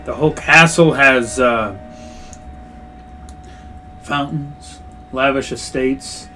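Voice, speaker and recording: A man voicing a courtly, sly dragon noble in a tabletop game, with slow, theatrical, drawn-out phrasing. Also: medium pitch, pushed and bright, a little hiss or hum. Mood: proud, savoring. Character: courtly, sly old dragon noble, savoring every word. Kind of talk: tabletop role-play.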